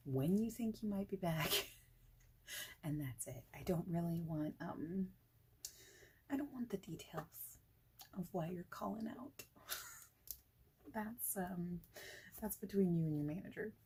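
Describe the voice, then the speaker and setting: Speaking slowly and expressively, an ASMR creator uses a low, creaky, soft voice that is breathy and frequently nearly whispered, with a slight hiss or hum. She improvises the role of a friendly, reassuring boss in a job interview, chatting informally and rambling.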